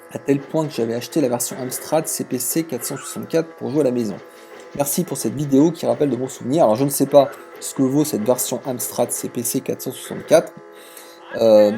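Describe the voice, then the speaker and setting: Guy chatting casually, warm mellow voice, faint music behind. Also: medium pitch, creaky. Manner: relaxed, chatty, frank opinions. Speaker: retro game YouTuber. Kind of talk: casual chat reading out viewer comments.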